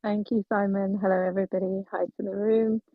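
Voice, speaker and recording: A woman from Somaliland speaking in a casual group discussion, steady with frequent "um" pauses, over a video call. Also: medium pitch, no room sound. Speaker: guest speaker. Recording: tinny phone-like online call audio.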